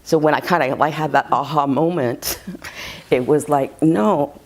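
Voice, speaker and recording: A woman's voice: sits low, fairly even intonation, moderate pace. A woman telling an interviewer about her healing session in a casual, rambling way, giggling often and restarting her sentences. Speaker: reiki client giving a testimonial.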